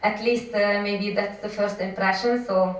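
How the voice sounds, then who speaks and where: A woman's voice: medium pitch, steady tone, measured pace. A middle-aged woman from Lebanon speaking on a conference panel, hesitant and full of fillers, recorded in a hall. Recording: echoey hall, distant mic.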